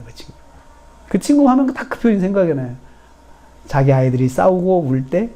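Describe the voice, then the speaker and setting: A middle-aged man preaching a sermon in a mellow, fairly high voice. He repeats his points earnestly and slips into a raised, lively voice for quoted speech. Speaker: pastor.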